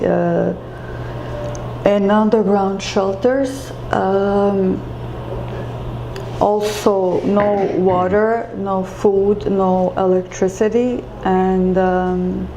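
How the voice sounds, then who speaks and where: A Croatian woman, a guest in an interview, tells a personal story in a slow, gravelly, warm mid-range voice. She is halting and reflective, with many fillers and restarts. The room is echoey, with faint ambient noise.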